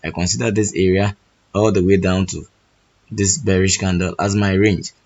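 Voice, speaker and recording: Hoarse, husky man, lowish register, thinking-aloud tutorial delivery full of restarts, dull lo-fi recording. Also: flat delivery, a little mellow, a little hiss or hum. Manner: halting, restarts phrases often. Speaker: trading educator. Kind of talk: thinking-aloud chart walkthrough.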